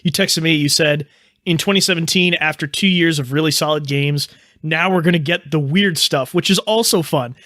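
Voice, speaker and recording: A man's voice: on the high side, moderate pace, fairly bright tone, no room sound, studio quality. A man hosting a casual video game podcast, upbeat as he leads the talk. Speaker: podcast host.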